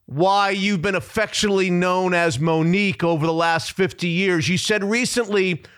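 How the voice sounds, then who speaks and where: High-pitched playful male podcast host. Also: fairly even intonation, moderate pace, a bit bright, clean tone. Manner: playful, teasing. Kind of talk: conversational interview.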